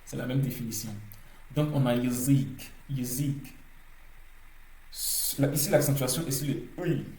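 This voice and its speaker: A man's voice: medium pitch, quick pace, mellow, reverberant, poor audio. A man teaching a language lesson in French, explaining pronunciation rules step by step with frequent hesitations, repeating words to drill them.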